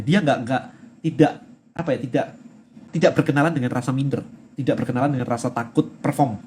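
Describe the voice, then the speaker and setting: Fast-talking man giving a lively talk. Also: medium pitch, slight background noise. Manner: mixes English words into casual speech. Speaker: host. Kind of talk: live-stream talk on mindset.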